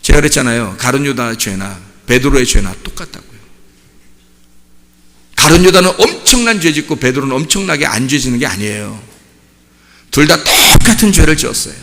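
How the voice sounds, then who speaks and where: A male pastor delivering a sermon, swinging from loud emphatic peaks to hushed, prayerful lines. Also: medium pitch, big pitch swings, a little fast. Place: church sanctuary. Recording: long church hall reverb.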